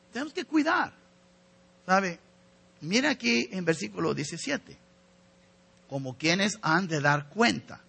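A man's voice: sits high, creaky, pushed and bright, husky. A man preaching a sermon as pastor to his congregation, earnest and exhorting, often calling his listeners brothers.

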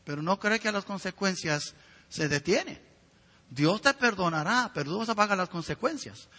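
A man's voice: high-pitched, animated, normal speed, sharp tone, breathy edge, big-room sound. A man preaching a sermon with fervor, often turning to ask the listeners direct questions.

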